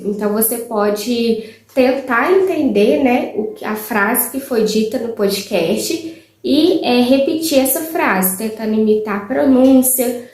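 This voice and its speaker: Woman, English teacher, casual tips, chatty fillers, higher pitch, echoey room. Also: darkish tone. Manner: chatty, frequent "né" fillers and "gente". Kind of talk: casual spoken tips to viewers.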